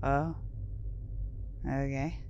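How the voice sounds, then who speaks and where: A woman's voice: extremely low pitch, level tone, extremely slow, darkish tone, lo-fi sound, a little hiss or hum. A young woman playing a horror game, talking to herself nervously, swearing, and dropping to whispers when scared. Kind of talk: let's play commentary.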